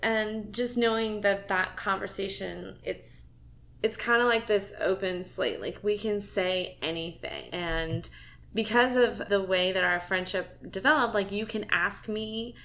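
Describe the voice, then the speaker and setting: A woman's voice: mid-range voice, measured pace, fairly bright tone. A woman hosting a podcast conversation, speaking earnestly and reflectively with a friend. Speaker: podcast host. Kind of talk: casual heartfelt conversation.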